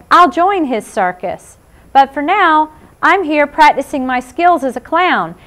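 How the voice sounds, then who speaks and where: A woman's voice: high-pitched, fairly bright tone. A woman voicing a cheerful young girl clown in a children's cartoon, with a bubbly, wide-eyed manner. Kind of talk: children's show character acting.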